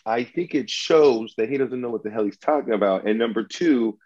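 A man in heated mock-trial banter defends old movies, swearing freely and tripping over repeated words when worked up. His voice sits at a middling pitch. The recording is dull and lo-fi. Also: fairly quick, darkish tone. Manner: combative, profane, repeats himself when heated. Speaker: debater arguing a movie case.

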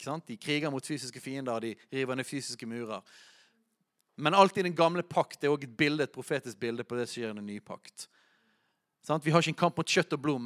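A man preaches a sermon in a fairly high voice. He stretches words slowly for emphasis and breaks into loud shouts at the high points. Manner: preaching with bursts of shouting when quoting.

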